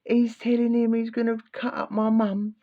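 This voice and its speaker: A man voicing an excited, easily impressed mother who gushes with breathless admiration. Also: extremely high pitch, normal speed, voice pushed up. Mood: gushing. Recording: slightly dull lo-fi audio.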